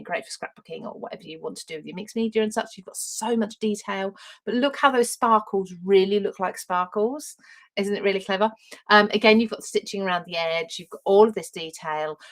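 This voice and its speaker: With a mid-range voice and poor audio quality, a woman with an Essex accent chats enthusiastically on a live stream, demonstrating her own papercraft collection and greeting viewers by name.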